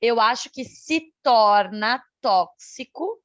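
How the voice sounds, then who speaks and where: A woman in her thirties from Santa Catarina, co-hosting a podcast with measured reading and teasing banter. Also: fairly high pitch, lively intonation, no room sound, highs cut off. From Santa Catarina, Brazil. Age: 30s. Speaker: podcast co-host. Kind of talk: podcast chat and scripted reading.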